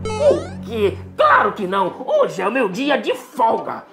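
A man's voice: extremely high pitch, wildly swooping pitch, unhurried, vocal fry, full character voice. A man playing a grumpy, whiny dinosaur villain in a children's show, indignant in manner. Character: grumpy green dinosaur villain who loves soap operas. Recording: music behind the voice.

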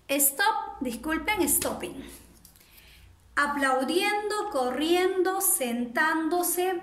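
High-voiced teacher lady, super slow, drilling english verbs. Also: a bit bright, reverberant, rough recording. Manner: drills word pairs, checks in with frequent "ok?". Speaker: primary school English teacher. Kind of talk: slow bilingual grammar lesson, spelling words aloud.

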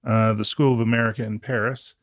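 A man's voice: fairly low pitch, little pitch movement, a little fast, dry recording, clean studio sound. A man in his forties co-hosting a podcast, chatting casually about a book in a wry, rambling way that keeps interrupting itself. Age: 40s. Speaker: podcast co-host.

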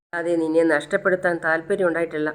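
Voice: medium pitch, steady tone, fast, close to an everyday voice. A narrator voicing a heartbroken young man torn by duty, pleading and choked with tears. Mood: tender regret. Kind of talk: retelling a TV serial.

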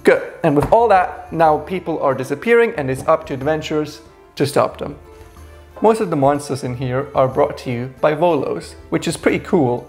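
Wry higher-voiced man with gravelly fry. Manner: wry, sarcastic storytelling. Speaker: co-host reviewing a game adventure. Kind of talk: casual review chat. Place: small indoor room with shelves.

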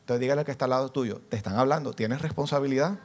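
A man preaching to a church congregation, animated, asking the listeners questions and acting out little scenes as he teaches. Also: mid-range voice, racing, slight background noise. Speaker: pastor.

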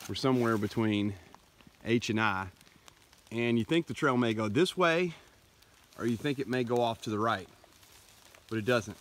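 A man's voice: medium pitch, moderate pace, pauses often, slight background noise. A middle-aged man filming himself on a wooded hiking trail, explaining plainly as he walks, with the camera held close. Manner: plain, matter-of-fact explaining while walking. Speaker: hiker filming his trip. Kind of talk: casual trail vlog. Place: outdoors on a leafy forest trail. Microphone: handheld camera close to face.

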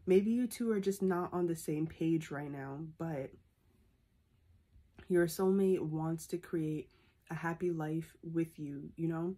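Speaking slowly in a low, dark voice, a young woman with sinus congestion reads tarot into a phone camera at arm's length inside a small room. Almost every point she makes finishes with an inquiring "okay?"

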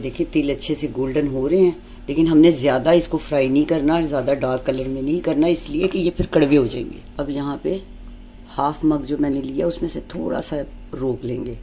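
A woman hosting a home cooking demonstration, explaining each step calmly and patiently. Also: deep voice, brisk, a little hiss or hum. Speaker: cooking channel host. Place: home kitchen.

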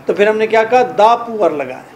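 A man's voice: sits high, lively intonation, a little fast, a little mellow, slight background noise. A middle-aged man with a Pakistani accent teaching a classroom English grammar lesson, drilling rules and quizzing his students.

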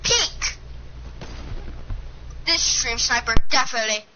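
A woman streaming a shooter game, calling out loot in an excitable, whiny way. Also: on the high side, slow. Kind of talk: casual gaming stream chat. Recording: lo-fi with faint noise.

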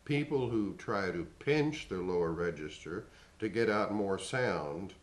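A man giving a spoken vocal lesson in a slow, measured, instructive way. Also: fairly low pitch, a little mellow. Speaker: voice teacher. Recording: echoey room.

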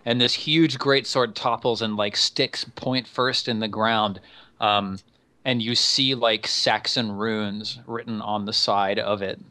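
Casual game master, bright tone, filler-heavy narration. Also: male voice, fairly low pitch, steady tone, slow pace.

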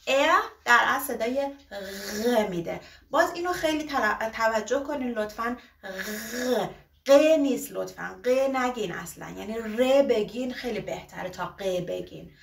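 A woman teaching a beginner alphabet lesson, stretching out each example word slowly between quicker asides. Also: on the high side, lively intonation, vocal fry, a bit bright. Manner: slow, drawn-out example words, quick asides. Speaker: German teacher. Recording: roomy echo, distant from mic.

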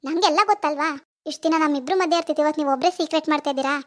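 A woman voicing a nosy young daughter-in-law in an animated family drama, loud and pushy with accusing questions. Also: high voice, rapid-fire, close to an everyday voice.

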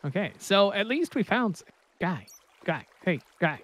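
Man, game streamer, excitable playful chat, noisy stream audio. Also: high voice, unhurried. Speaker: streamer host. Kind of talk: casual gameplay chat.

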